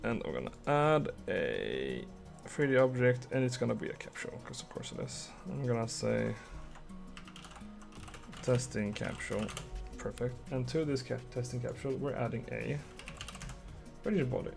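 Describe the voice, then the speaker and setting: A man's voice: mid-range voice, sing-song, measured pace, creaky, music in the background. A young man from Sweden with a Swedish accent, chatting casually with viewers and muttering to himself while he codes a game on a live stream.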